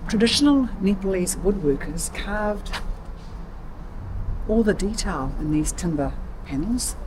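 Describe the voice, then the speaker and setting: A woman with a New Zealand accent records a travel vlog outdoors in a city, talking into a handheld camera. She gasps "wow" at sights and then reads out local facts. Her voice sits in a middle register over loud street noise. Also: mid-range voice, lively intonation, a little slow. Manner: exclaims in wonder between read-out sightseeing facts. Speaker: travel vlogger. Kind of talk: casual travel vlog narration. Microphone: handheld action camera or phone. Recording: noisy outdoor city sound.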